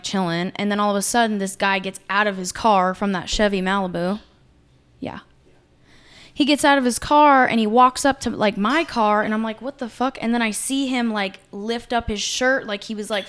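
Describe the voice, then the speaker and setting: A woman's voice: on the high side, clean tone. A young woman casually telling a wild story on a podcast, swearing freely and filling her talk with "like". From Las Vegas area. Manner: profane, animated, lots of "like" fillers. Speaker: podcast co-host.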